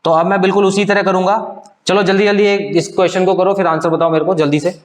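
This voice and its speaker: A man's voice: high voice, level tone, fast. Male tutor, slightly raised voice, patient stepwise live-class explaining. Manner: explains step by step, often checks with "clear?". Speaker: teacher. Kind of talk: live online math class.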